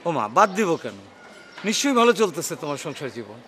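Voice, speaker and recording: A sarcastic bachelors' club member who needles an old friend. He talks fast in a high, lively voice. The scene has a faint hiss behind it. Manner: taunting, sarcastic. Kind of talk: television drama acting.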